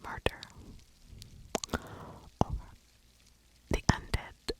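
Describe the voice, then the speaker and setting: A woman hosts an ASMR video, whispering a true crime story extremely slowly in a breathy, unvoiced tone right up against the microphone. She lingers on words and repeats them.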